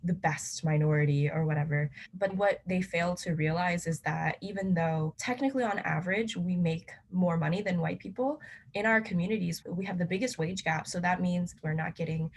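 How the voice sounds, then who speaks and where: Casting: young woman, lowish voice, casual and filler-heavy, interview guest, faint room noise. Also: moderate pace. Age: young adult. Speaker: student activist guest. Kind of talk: interview answers.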